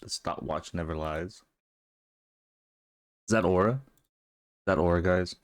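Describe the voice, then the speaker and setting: A man's voice: low voice, slow pace, smooth. A man streaming a reaction to a video, making jokey, profane asides in casual commentary.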